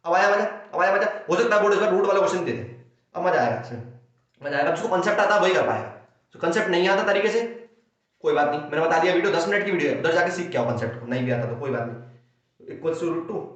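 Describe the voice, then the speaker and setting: A young man with an Indian Hindi accent teaching a fast exam-prep maths lesson, repeating himself and playing out his students' questions before answering them. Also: a little high, lively intonation, a bit bright. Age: young adult. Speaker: maths tutor. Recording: very echoey, dull lo-fi room sound.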